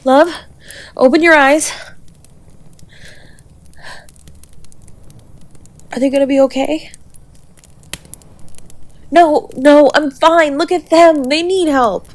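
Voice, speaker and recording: In an intimate acted audio roleplay, a woman plays a sharp-tongued yet tender young woman protecting her lover, bluntly affectionate and faltering when emotion rises. Her voice sits high and steady. Here she sounds panicked and pleading.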